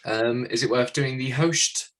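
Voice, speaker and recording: Tentative helper on a video call, mid-pitched. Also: unhurried. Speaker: meeting participant. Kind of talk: casual chat.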